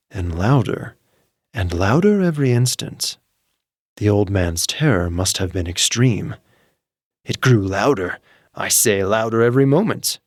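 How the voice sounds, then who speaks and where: In an unhurried, deliberate sleep audiobook reading of a dark tale, a male narrator's lowish voice sweeps across a broad pitch range, dropping to quiet murmurs and then spiking into sharp, intense peaks. It's a dry, close recording with no surrounding room sound.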